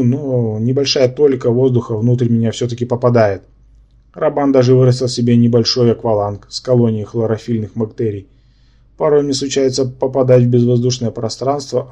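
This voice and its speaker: A man reading a fantasy audiobook in first person, with a wry, measured delivery. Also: mid-range voice, steady tone, warm tone. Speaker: audiobook narrator.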